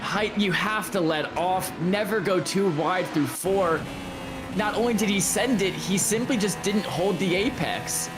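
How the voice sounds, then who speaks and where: A man's voice: sits high, measured pace. A man giving live motorsport commentary, analysing the race in an emphatic, opinionated way.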